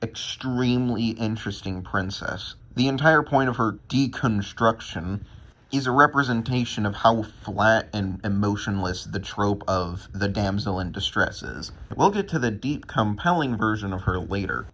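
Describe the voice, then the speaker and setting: A man's voice: fairly low pitch, normal speed, fairly bright tone. A man hosting a video, giving casual scripted ranking commentary. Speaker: video host.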